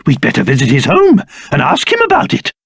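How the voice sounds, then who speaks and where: King Trode, wildly animated pompous old king. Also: fairly high pitch, fairly quick, gravelly, breathy edge, dry recording, clean studio sound, full character voice. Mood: musing, pompous. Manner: pompous, theatrical, swinging from blustering to tender. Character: fussy, pompous old king, doting father, quick to indignation. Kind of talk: video game voice acting.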